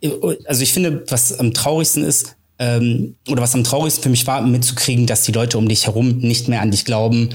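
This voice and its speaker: A man's voice: medium pitch, fairly even intonation, a little fast, few pauses, breathy edge. A man with a German accent, a podcast guest who talks about his work in a candid, reflective way and drops English phrases into his speech. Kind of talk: candid conversational interview.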